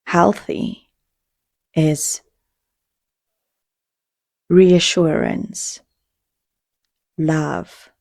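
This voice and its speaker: Slow, gravelly-voiced woman podcaster, heartfelt. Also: on the low side, steady tone, darkish tone, no echo, studio quality. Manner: heartfelt, slow and reflective, with pauses and restarts. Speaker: podcast host. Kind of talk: casual solo podcast talk.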